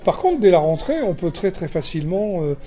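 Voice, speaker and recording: A man's voice: high-pitched, big pitch swings, a little fast, warm tone, a little hiss or hum. A man answering casually in an interview as a troupe's spokesperson.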